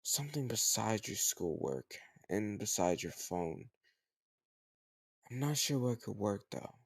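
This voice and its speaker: This man takes on the role of a slightly older, teasing home tutor, gently scolding the listener in a chatty, intimate roleplay audio drama. His fairly low voice is exaggerated, with vocal fry and a breathy edge, recorded with no echo.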